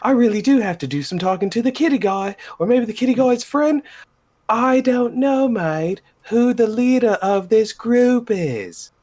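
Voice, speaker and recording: Cheeky male bard who calls everyone mate, as a man puts him on; high and bouncy. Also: lively intonation, moderate pace, darkish tone. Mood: cagey.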